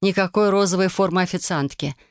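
A woman reading a first-person story aloud in a calm, even storytelling manner. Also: fairly low pitch, a little fast, smooth, no room sound, studio quality. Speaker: audiobook narrator.

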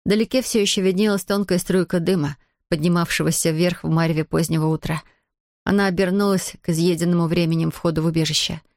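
A woman narrates an audiobook, telling the story in an even, measured way. Her pitch is fairly low, and the recording is dry and studio quality.

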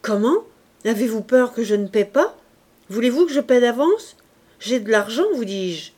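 A woman's voice: medium pitch, slow pace, a little mellow. Jean Valjean, read by a woman as a weary, insistent traveler. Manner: insistent, raises voice. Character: weary hungry male traveler, proud.

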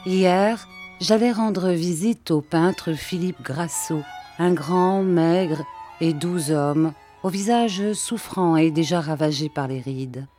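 A woman reading a short story aloud in a measured, deliberate narrating voice. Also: on the low side, mellow, faint music behind. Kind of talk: scripted narration.

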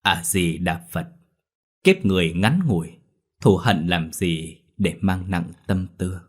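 A man voicing a kindly old Buddhist monk who preaches softly and slowly. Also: deep voice, sing-song, slightly rough, full character voice. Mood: gentle. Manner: soft, slow, preaching.

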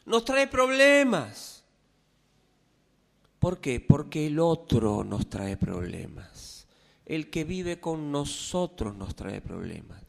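Man, pastor, sermon in a church, fairly high voice, very animated delivery. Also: takes it slowly, gravelly. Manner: conversational, asks the congregation questions.

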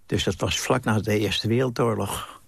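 A man's voice: fairly low pitch, fairly even intonation, moderate pace, creaky, breathy edge, no echo. A man in his nineties from the Netherlands, telling his memories in a leisurely way on a radio interview and acting out the voices in them. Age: 90s. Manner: leisurely anecdotal telling, acts out quotes. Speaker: guest.

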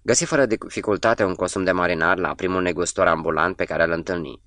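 A man reading a novel aloud as an audiobook narrator, in a measured, steady delivery. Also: sits low, dry recording.

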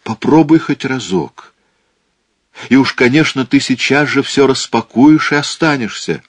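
A man's voice: mid-range voice, animated, a little slow, no room sound, voice pushed up. Man playing a middle-aged inventor, coaxing, insistent, dry close audiobook sound. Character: eager, pleading middle-aged male inventor.

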